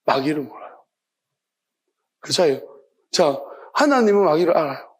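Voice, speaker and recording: A male pastor, preaching a midweek sermon in a conversational, animated way, often laughing. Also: fairly high pitch, normal speed, breathy edge.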